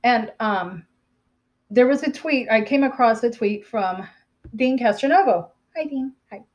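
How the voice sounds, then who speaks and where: A woman with a drawl tells a personal story straight to camera. Her voice sits on the higher side, and she rambles candidly, full of fillers and restarts. It sounds like a casual home video. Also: lively intonation, measured pace, a little mellow, highs cut off. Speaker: vlogger telling a personal story.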